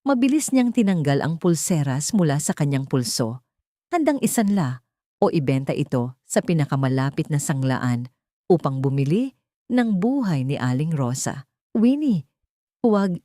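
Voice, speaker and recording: A woman with an unusually low, dark and mellow voice narrates a scripted, dramatic audiobook story at normal speed. She is very animated, and the close recording is very dry.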